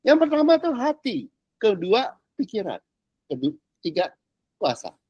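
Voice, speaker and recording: A man's voice: high-pitched, wildly swooping pitch, measured pace, a little mellow, breathy edge, no echo, muffled recording. A man, a pastor, teaching a discipleship class in a casual, chatty way, mixing in slang and English and keeping on asking whether his listeners follow. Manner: chatty, keeps checking the class understands, drops English words; uses casual Jakarta slang. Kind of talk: informal teaching talk.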